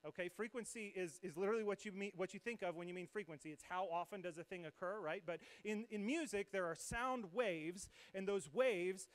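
A young man leads a church service as worship pastor, his voice sitting fairly high for a man. He speaks into a stage microphone in a loose, conversational way. He pokes fun at himself as he explains things. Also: a little fast, few pauses. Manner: conversational, self-deprecating, explains with asides. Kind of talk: sermon. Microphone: handheld or stage microphone.

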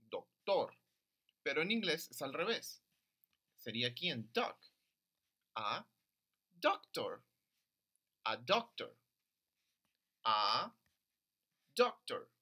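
Male primary teacher, unhurried, animated pitch, clear syllable drills for children. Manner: slow, drills pronunciation by repeating words; stresses syllables for children to repeat. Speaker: primary school English teacher. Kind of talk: recorded lesson for young children.

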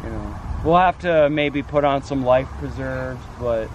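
A man's voice: mid-range voice, unhurried, highs cut off, a little hiss or hum. A man, the host's friend, chatting casually and joking easily while walking outdoors by a lake. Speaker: friend of the host. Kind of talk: casual chat.

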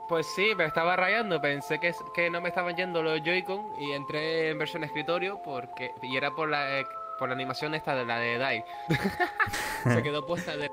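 A man speaks casually in a slightly high voice, explaining things haltingly. Loud music plays behind him. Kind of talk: casual chat.

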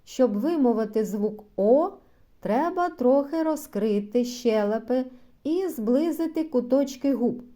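A woman reading aloud as a pedantic philosophy teacher who lectures slowly and explains every detail. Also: on the high side, animated, dark tone, pitched above the performer's own voice. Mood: explaining. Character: pedantic middle-aged male philosophy teacher.

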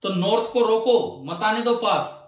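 A man's voice: sits high, expressive, measured pace, roomy sound, distant mic, highs cut off. A male physics teacher giving a classroom lecture. He asks the class questions, answers them himself and repeats key phrases to drive the points home.

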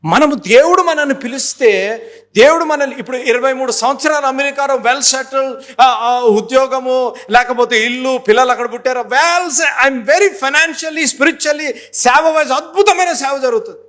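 A man in his fifties delivers a sermon as a pastor, his voice very high, slightly bright, and at normal speed. He preaches in an emphatic, driving style, dropping English phrases into his speech and acting out small dialogues.

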